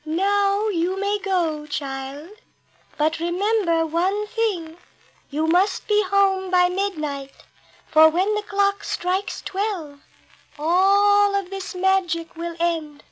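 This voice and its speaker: A woman voicing a kind, stately fairy godmother in a storybook, speaking slowly and gently. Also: very high voice, voice pushed up, rough recording. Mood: solemn. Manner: slow, gentle, measured.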